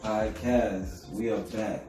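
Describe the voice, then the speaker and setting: In a room at home, a man with kids co-hosts a podcast, rambling in a laid-back way at a slow, steady pace. He keeps his voice low so he won't wake his sleeping son. The audio is echoey from a distant mic, with music playing.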